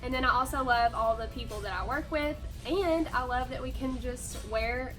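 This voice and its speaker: A woman's voice: sits high, normal speed, rough recording. A woman in her twenties from Kentucky, upbeat and friendly, talking about her job. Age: 20s. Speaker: administrative assistant. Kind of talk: casual self-introduction. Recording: background music.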